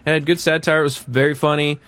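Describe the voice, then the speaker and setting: A man's voice: fairly high pitch, flat delivery, fast talker, fairly bright tone, no echo. A man talking reflectively and agreeably in casual chat.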